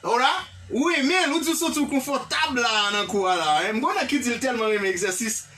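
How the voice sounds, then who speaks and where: An English teacher with a Haitian accent giving a live online lesson, animated and repetitive, often checking in with the class and praising viewers by name. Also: medium pitch, moderate pace, recorded from a distance. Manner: animated, repetitive, checks in with "hein?" and "vous comprenez?".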